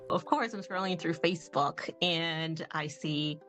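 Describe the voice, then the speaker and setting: A woman talks in a news interview, heartfelt and a little halting, with "um"s between thoughts. Her voice sits rather low. Music plays behind her. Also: fairly even intonation, a bit bright. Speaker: adopter. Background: background music.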